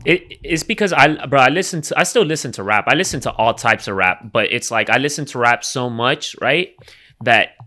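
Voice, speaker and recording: A young man co-hosting a casual podcast, talking music in slangy, animated chat. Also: medium pitch, normal speed. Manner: animated, slangy, breaks into imitating rappers. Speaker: podcast co-host.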